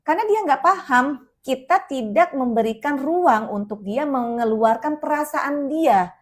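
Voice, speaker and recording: A woman from Indonesia, a child and teen practitioner, giving a parenting seminar talk and lively acting out adult and child voices. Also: high-pitched, measured pace.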